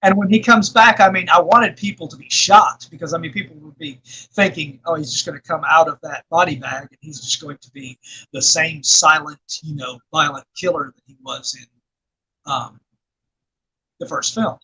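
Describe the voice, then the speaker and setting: A man's voice: fairly high pitch, normal speed, pushed and bright, rough recording. A middle-aged man from Arkansas being interviewed, talking in a rambling way with lots of fillers and restarts. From Arkansas, USA. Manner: rambling, many fillers and restarts, laughs often. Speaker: guest filmmaker and actor. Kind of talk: casual interview chat.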